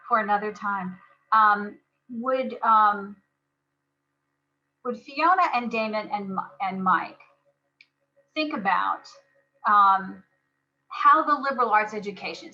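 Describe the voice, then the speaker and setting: A woman moderating an online alumni panel, talking in a measured way with many ums and uhs. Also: medium pitch, bright, forceful tone, slight background noise. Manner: filler-heavy, measured. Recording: dull lo-fi video call audio.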